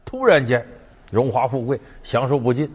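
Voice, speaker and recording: A man's voice: medium pitch, moderate pace, slightly rough. A man telling an old legend in a casual, chatty storytelling style, acting out the quoted lines. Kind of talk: casual folk-tale storytelling. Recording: dull lo-fi recording with long reverb.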